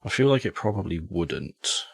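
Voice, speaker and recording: A man's voice: low-pitched, sing-song, normal speed, gravelly, breathy edge. A man running a tabletop game as game master, easygoing and thinking aloud.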